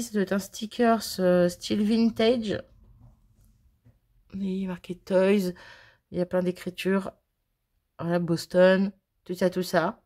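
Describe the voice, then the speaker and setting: Woman, chatty and bubbly, mid pitch, filmed on a phone. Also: mellow. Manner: chatty, bubbly, self-mocking, gushing over items. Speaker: craft vlogger unboxing mail. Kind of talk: casual chat to viewers.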